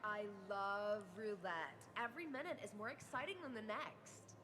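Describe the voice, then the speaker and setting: A woman's voice: mid-range voice, animated, moderate pace, over music, lightly acted. A woman playing a vapid rich young socialite in a video game, with a bubbly sorority-girl manner and a Valley Girl American accent. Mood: breezy, vapid. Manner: bubbly sorority-girl airhead delivery, breezily entitled. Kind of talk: video game character dialogue. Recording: busy crowd chatter behind voice.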